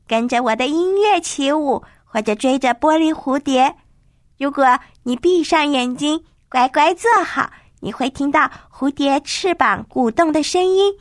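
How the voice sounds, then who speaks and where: A woman reading a children's story aloud in a gentle, expressive way. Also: sits high, no room sound, studio quality.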